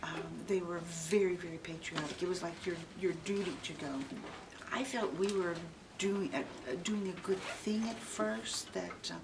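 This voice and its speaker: Older woman, veteran reminiscing, informal, lowish pitch, far from the mic, noisy background. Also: fairly even intonation, moderate pace. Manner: old veteran remembering, informal. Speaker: interviewee, military veteran. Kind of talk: casual reminiscing in an interview. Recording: distant microphone, clearly noisy room.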